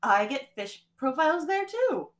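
A woman's voice: high voice, sing-song, unhurried. A woman co-hosting a casual podcast, teasing and playful in her remarks. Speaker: podcast co-host.

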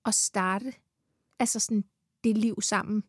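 Her voice is mid-range and slightly rough, with fairly even intonation, captured in studio quality on a studio mic with no room sound. She's a heavily pregnant Danish podcast guest chatting casually, enthusiastic, laughing a lot and swearing freely.

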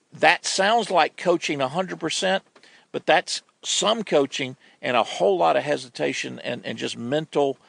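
A man giving football analysis on sports talk radio, his voice deeply gravelly and full of fry. He stresses his points hard, doubling words as he builds an argument, and the sound is close and dry. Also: fairly bright tone, dry recording. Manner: emphatic, repeats words when stressing a point.

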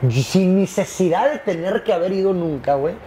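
A man's voice: high-pitched, lively intonation, a little fast, mellow, a little hiss or hum. A man in a casual chat who talks in an agreeable, affirming way with fillers.

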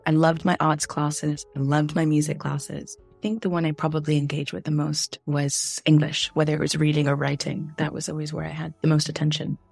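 A young adult woman answering podcast interview questions in a candid, chatty way with quick asides. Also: low voice, little pitch movement, creaky, darkish tone, slightly rough, faint music behind. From grew up in the Philippines, the States and Tunisia. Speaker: guest, diversity and inclusion consultant.

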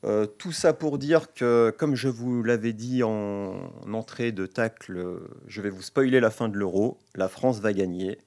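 A man with a somewhat low voice speaks as a guest pundit on a casual sports podcast. He grumbles in a gloomy, theatrical way, often stammering and restarting his sentences. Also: a little slow, few pauses, darkish tone.

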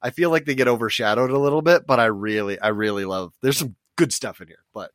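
A man's voice: medium pitch, quick pace, a bit bright, no echo, studio quality. A man co-hosting a podcast in casual chat, eager and repeating himself with many fillers. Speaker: podcast co-host. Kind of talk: casual chat recapping a TV show.

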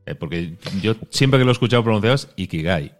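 Spanish guy hosting a podcast, low-ish voice, animated chat, bit of music behind. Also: fast talker. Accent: Spain Spanish. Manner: animated, uses Spanish exclamations like ostras and hostia. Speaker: podcast host. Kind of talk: casual interview chat.

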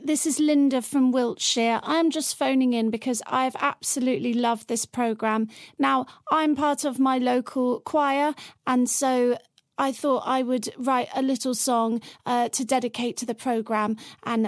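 A woman's voice: high-pitched, fairly even intonation, measured pace, no room sound, studio quality. A woman playing a polite, chirpy lady caller who sings in a local choir.

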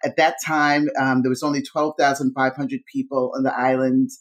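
A woman's voice: a bass voice, flat delivery, normal speed. Effusive woman dancer, chatty guest. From New York. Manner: warm, effusive, with many fillers and repeats. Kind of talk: casual conversation.

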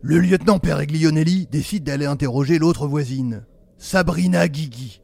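A man with a gravelly voice narrating a comic crime sketch in a mock-dramatic way. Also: a little high, moderate pace, background noise.

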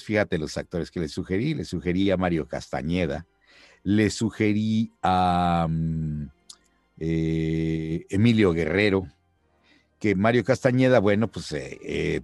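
A middle-aged man, a voice actor, telling a lively anecdote in an interview and acting out the voices he quotes. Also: deep voice, a little slow, no echo, faint music behind. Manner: lively storyteller who acts out quoted voices.

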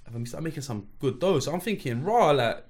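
Slangy London roadman, animated storyteller. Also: medium pitch, fast talker. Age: young adult. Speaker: chef, guest telling life story. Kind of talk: casual chat with heavy street slang.

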